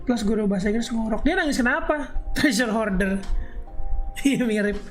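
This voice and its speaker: A woman's voice: a little high, moderate pace. Chatty woman game streamer. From Indonesia. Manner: chatty, laughing, reads chat aloud. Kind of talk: casual live-stream chat while playing. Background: game music.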